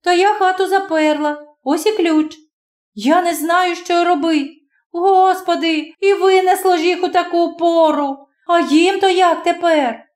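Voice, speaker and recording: A woman's voice: very high-pitched, fairly even intonation, a little slow, pitched above the performer's own voice. A woman voicing a frightened, trembling village girl who pleads breathlessly. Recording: roomy echo.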